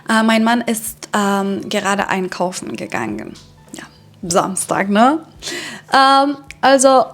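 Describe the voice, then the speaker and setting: An Iranian woman who teaches German narrates a vlog for learners, speaking slowly and deliberately with some filler sounds. Her voice sits a little high.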